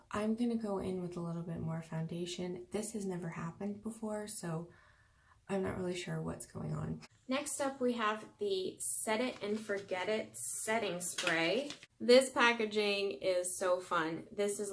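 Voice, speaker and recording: A woman's voice: mid-range voice, measured pace, a little hiss or hum. A young woman beauty vlogger in a casual product review, chatty and full of fillers, musing aloud to herself.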